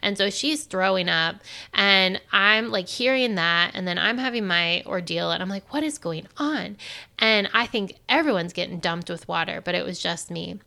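A woman casually telling a personal story, animated and acting out the dialogue. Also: lowish voice, normal speed, vocal fry, smooth. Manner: animated, acts out quoted dialogue.

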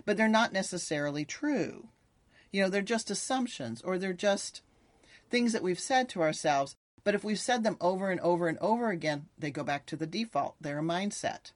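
Female mindset coach, slightly low voice, upbeat explanatory manner, dry sound. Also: expressive, moderate pace, no echo. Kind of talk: casual podcast conversation.

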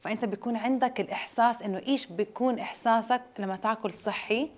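A woman's voice: on the high side, fast talker. A woman with a Jordanian Arabic accent who mixes in English phrases, answering interview questions casually in a candid, self-assured way. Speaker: interview guest, detox juice business owner.

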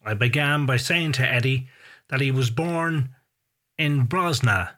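A man hosting a podcast, reading a clear, measured introduction of his guest. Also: medium pitch, bright, forceful tone. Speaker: podcast host.

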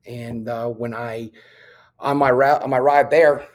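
As a guest on a podcast, a male police officer from New Jersey candidly tells his own story, his delivery blunt, profane, and full of "um"s. He talks unhurriedly, with a medium-pitched, steady voice.

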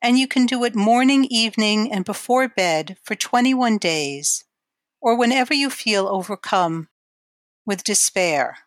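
A woman giving guided imagery exercises in a calm, measured, instructional way. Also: medium pitch, no room sound, studio quality.

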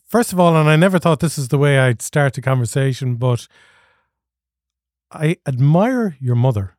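A man's voice: medium pitch, lively intonation, normal speed, darkish tone, dry recording, studio quality. A man with an Irish accent speaking as a podcast host, introducing and interviewing in a conversational style.

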